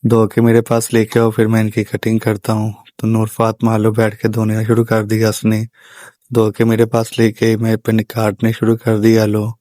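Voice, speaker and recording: A man's voice: fairly low pitch, completely flat delivery, moderate pace, warm tone, dry recording. A man narrating a family vlog as a father, plainly recounting the day's events step by step. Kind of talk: voice-over storytelling.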